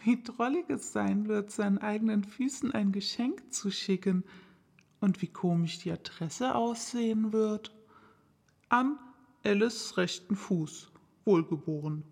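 A woman voicing Alice, a curious, dreamy young girl who chatters to herself in a lively way. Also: medium pitch, a little slow, creaky, husky, in a large hall. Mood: musing.

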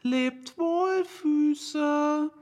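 A woman voicing Alice, a curious, dreamy young girl who chatters to herself in a lively way. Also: sits high, very slow, long reverb tail, pitched above the performer's own voice. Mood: wondering.

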